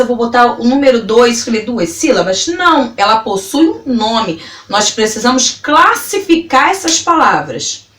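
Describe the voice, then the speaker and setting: Woman teacher going slow, sounding out syllables, kinda far from the mic in an echoey room. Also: sits high, a bit bright. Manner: slow, spells words out syllable by syllable. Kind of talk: classroom grammar lesson.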